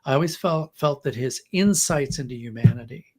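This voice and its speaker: A middle-aged or older man speaks at normal speed in a mid-range voice with a darkish tone and a breathy edge. As a writer and podcast guest, he tells stories about books reflectively and brings his points to life by acting out quotes.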